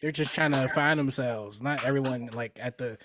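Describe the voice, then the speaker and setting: A man's voice: mid-range voice, normal speed, fairly bright tone. A man co-hosting a casual podcast chat, easygoing and hedging with lots of fillers. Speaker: podcast co-host.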